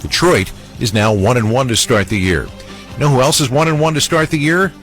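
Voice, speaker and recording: A man hosting a sports radio highlight show, narrating recaps emphatically. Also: a little fast, a bit bright. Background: music bed.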